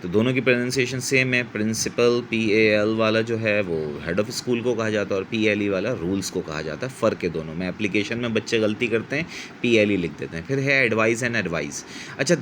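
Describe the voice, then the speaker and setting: A middle-aged male English teacher from Pakistan with a fairly low voice. He explains word pairs patiently and repeats each one aloud to model the pronunciation. He corrects himself mid-sentence without fuss. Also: fairly quick, a little hiss or hum. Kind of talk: explanatory vocabulary lesson.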